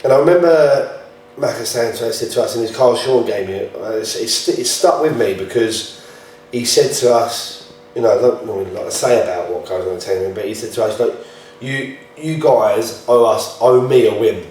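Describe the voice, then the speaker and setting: A man's voice: on the low side, fairly quick, few pauses, a little mellow. A man who plays football, chatting casually and telling anecdotes in a matey way. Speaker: football player. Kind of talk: casual group chat. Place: reverberant indoor room. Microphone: distant from the speakers. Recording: very echoey room, distant mic, faint noise.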